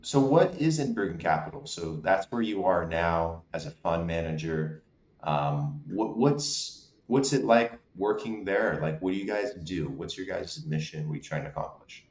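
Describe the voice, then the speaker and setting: A man's voice: deep voice, lively intonation, normal speed, darkish tone. A man hosting a podcast, asking friendly, loose questions in a casual way. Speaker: podcast host. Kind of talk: casual interview talk. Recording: echoey room.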